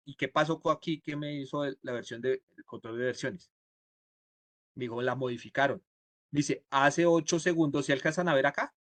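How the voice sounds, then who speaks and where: A man's voice: a little high, fairly bright tone, no room sound. A man from Colombia teaching a programming class live, explaining each step and checking with his students. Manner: acts out the computer's replies in quotes. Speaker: programming instructor.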